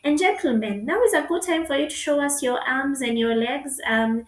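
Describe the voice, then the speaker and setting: A woman's voice: high voice, moderate pace, reverberant. A woman in her thirties with a Kenyan accent, hosting her own podcast in a chatty, playful solo talk with joking asides. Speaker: podcast host. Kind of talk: casual solo podcast chat.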